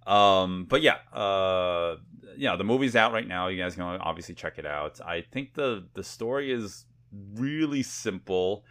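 A man with a very low, deep voice talks through a movie review in easygoing podcast chat. He rambles a little and leans on fillers like um and like as he thinks aloud. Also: a little slow. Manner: relaxed, rambling, filler-heavy. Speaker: podcast co-host. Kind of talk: casual film review chat.

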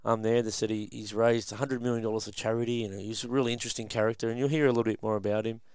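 A man's voice: lowish voice, fairly even intonation, racing, darkish tone, clean tone, no echo. An Australian man hosting a sports radio show, chatting and interviewing in a casual, matey, plain-spoken blokey way.

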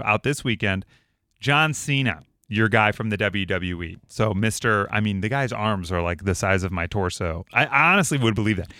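A man's voice: on the low side, a bit bright, dry recording, clean studio sound. Upbeat chatty man hosting a podcast. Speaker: radio podcast host. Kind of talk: casual podcast chat.

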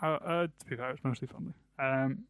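A man's voice: mid-range voice, fairly quick, a bit bright, clean tone, no room sound, clean studio sound. Young British man who says th as f. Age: early 20s. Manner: th-fronting, says th as f; hesitant, self-correcting. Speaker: podcast co-host. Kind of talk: casual album review chat.

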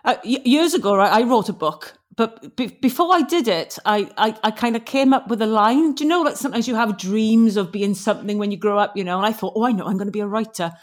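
A woman's voice: fairly high pitch, fast, hardly any pauses. A woman interviewing guests in a casual chat, tagging her points with questions like "right?". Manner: chatty, says "right?" a lot. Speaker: interviewer and author.

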